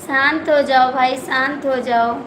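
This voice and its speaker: A woman with an Awadhi accent hosting a live stream, pleading again and again with her viewers to calm down. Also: high-pitched, unhurried. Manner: pleading, repeatedly calming viewers. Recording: echoey room with background noise.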